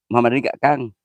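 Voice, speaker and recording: A man's voice: medium pitch, dry recording. A man hosting a casual live stream, giggly and easily flustered, mixing slang with broken English.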